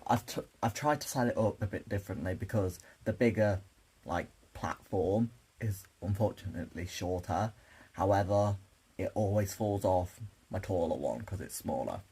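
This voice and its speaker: A man's voice: deep voice, normal speed, warm tone, slightly rough, poor audio. A young man, a drag performer, chatting to camera in a rambling, sleepy, self-interrupting way about makeup. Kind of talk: casual chat to camera. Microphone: camera mic.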